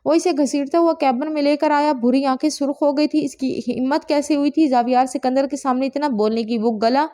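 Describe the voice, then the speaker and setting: A woman narrating a romance novel aloud, reading every character's lines in her own steady voice. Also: high-pitched. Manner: reads all characters in one steady voice.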